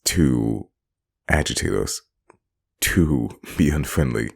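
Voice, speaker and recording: Rambling casual talker, male, very low gravelly voice, laughs often. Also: expressive, slow pace, a little mellow. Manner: rambling, repetitive, laughs between phrases. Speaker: vlogger. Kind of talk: casual monologue on wellness.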